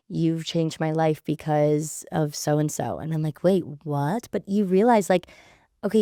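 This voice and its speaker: A bubbly young woman chats in a casual podcast, her speaking voice sitting a little low for a woman. She tells stories with animation, often jumping into playful put-on voices. The sound is dry and close to the mic. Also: vocal fry, mellow, dry recording. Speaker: guest, cliff diver.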